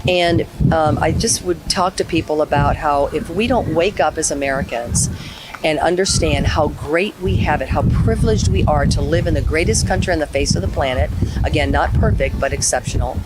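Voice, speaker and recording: A woman's voice: deep voice, moderate pace. Woman from Venezuela, outdoor interview guest, emphatic rallying tone, street and vehicle noise behind. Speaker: guest, faith-based activist. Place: outdoors outside a stadium.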